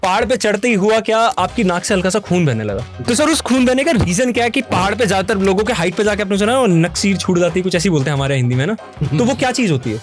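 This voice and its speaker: A man's voice: high-pitched, expressive, fast. A young man, a physics teacher, teasingly quizzing a colleague and laughing as he explains. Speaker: physics teacher asking quiz questions. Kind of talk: playful quiz banter. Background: background music.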